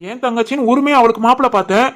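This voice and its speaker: A man voicing a hurt, self-pitying young husband in an animated family story, with a Tirunelveli Tamil accent. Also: extremely high pitch, very fast. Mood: sulking.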